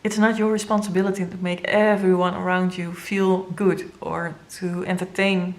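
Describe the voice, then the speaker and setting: A woman with a Dutch first language giving an earnest, halting tarot reading to viewers, with many fillers and moments where she grows emotional. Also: on the low side, level tone, a little mellow. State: emotional, near tears. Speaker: tarot reader.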